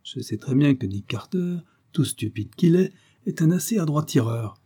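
A man's voice: a little high, expressive, moderate pace, mellow, husky, pitched above the performer's own voice. A man reading a storybook voicing a sneering villainous gang leader who taunts with false politeness. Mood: taunting. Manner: mocking, hypocritically polite.

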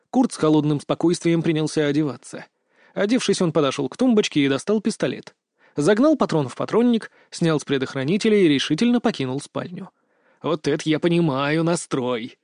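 A man's voice: a little high, a little mellow, no room sound, clean studio sound. Wry male audiobook narrator. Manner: wry, smug. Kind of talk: first-person fiction narration.

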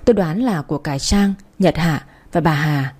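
Soft-voiced woman narrating a story. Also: low-pitched, normal speed, breathy edge. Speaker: storyteller and radio host.

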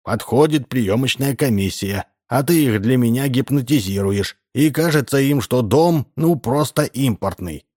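A man's voice: mid-range voice, animated, unhurried, hardly any pauses, darkish tone, dry recording, clean studio sound, voice pushed up. Fields: Figure: man reading as a sly middle-aged building boss. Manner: wheedling. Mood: scheming. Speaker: building contractor.

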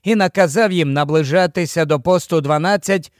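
Guy reading an audiobook in first person, measured storytelling, voice on the high side, dry close mic. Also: no room sound. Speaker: audiobook narrator.

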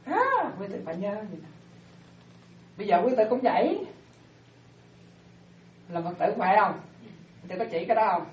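A woman Buddhist teacher giving an animated dharma talk to lay followers, often checking that they follow. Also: medium pitch, moderate pace, pauses often. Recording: roomy, distant, dull lo-fi sound.

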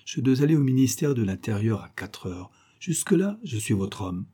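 A man's voice: medium pitch, very animated, moderate pace, warm tone, husky. A man reading the part of a curious, impatient police prefect in an audiobook. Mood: eager.

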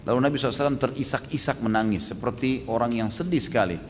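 A man preaching and answering questions at a religious study session, fast and emphatic, with many rhetorical questions. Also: medium pitch, in a large hall, a little hiss or hum.

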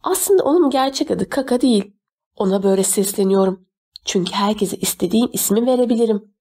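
A woman's voice: medium pitch, animated, fairly quick, mellow, slightly rough. A woman voicing a bossy, spoiled young girl who talks down to everyone with a sneer in her words. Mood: scornful bossy. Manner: sneering, demanding.

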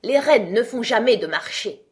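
Woman voicing the Red Queen, shrill and scolding. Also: animated, normal speed, husky. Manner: curt, scolding questions. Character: bossy stern queen, sharp and lecturing. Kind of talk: audiobook character reading.

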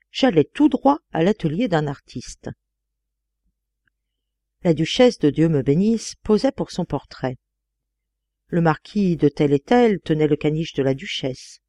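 A woman narrating a literary audiobook in a deliberate, expressive reading. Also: sits low, no room sound. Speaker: audiobook reader.

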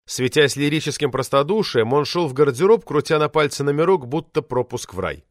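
A man's voice: on the high side, expressive, brisk, no room sound. A man narrating a novel in the first person, with an ironic, storytelling manner on a close studio mic. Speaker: audiobook narrator.

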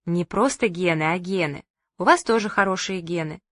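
A woman's voice: lowish voice, normal speed, no room sound, clean studio sound, close to an everyday voice. A woman voicing a modest, flustered young mother of four daughters.

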